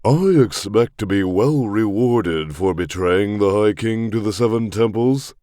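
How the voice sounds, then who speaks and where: A man's voice: on the low side, measured pace, dark tone, no echo, clean studio sound, voice pushed up, lightly acted. A man voicing a pompous, scheming noble lord with a commanding voice in an audiobook. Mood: pompous, demanding.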